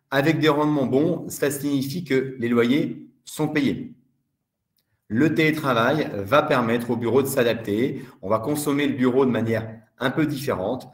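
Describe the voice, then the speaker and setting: Man explaining in an echoey room. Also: medium pitch. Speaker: fund department director. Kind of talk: webinar presentation.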